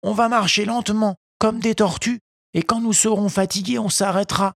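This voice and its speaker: A reader voicing a young wooden puppet boy, high and earnest, in a storybook reading. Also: normal speed, gravelly, dry recording, clean studio sound, close to an everyday voice. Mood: tender, earnest. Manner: high, excited, earnest pleading. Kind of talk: storybook narration.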